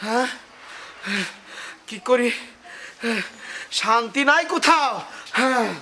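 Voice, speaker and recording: A man's voice: very high voice, slow, a little hiss or hum, exaggerated voice. A man playing a fretting village headman. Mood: agitated. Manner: loud, agitated, ranting. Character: proud village headman father-in-law, fretting about honor. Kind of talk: rural comedy drama acting.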